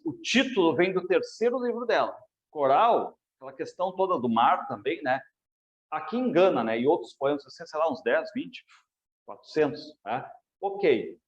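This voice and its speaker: A Brazilian Portuguese-accented man leads an exam review class in literature. His voice sits a bit high, and he keeps turning to the students to check they follow. The recording sounds dull and lo-fi. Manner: lively, addresses students directly with frequent checks. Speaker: literature teacher.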